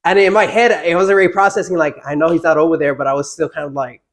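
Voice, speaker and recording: Young man with a highish voice, chatting. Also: fairly even intonation, fast talker. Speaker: storyteller sharing personal ghost stories. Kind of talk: casual conversational storytelling.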